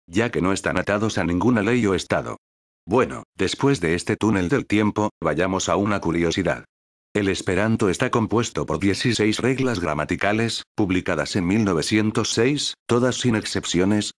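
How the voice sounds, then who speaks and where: Synthetic text-to-speech man, low and dry. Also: no room sound. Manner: evenly paced synthetic text-to-speech reading. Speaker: narrator. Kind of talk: scripted educational narration.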